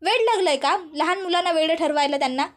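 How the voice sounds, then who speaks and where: A woman's voice: very high-pitched, animated, fast talker. A woman voicing an outspoken young woman who bluntly explains and scolds.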